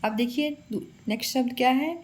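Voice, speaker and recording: A woman's voice: sits high, a little fast. A woman teaching children a phonics lesson, patiently sounding out each syllable and calling her pupils "beta".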